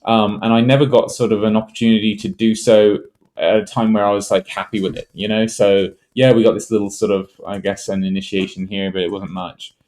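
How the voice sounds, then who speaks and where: A man's voice: fairly low pitch, little pitch movement, a little fast, darkish tone. A man talking casually through a chart trade review, thinking aloud with many fillers and restarts. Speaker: trading educator. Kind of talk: casual screen-share trade walkthrough.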